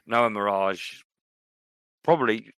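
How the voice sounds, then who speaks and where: Speaking slowly in a smooth voice on the low side with a fairly bright tone, a man co-hosts a podcast. His film talk is casual and enthusiastic, and he repeats points for emphasis. The recording is dry and studio-clean.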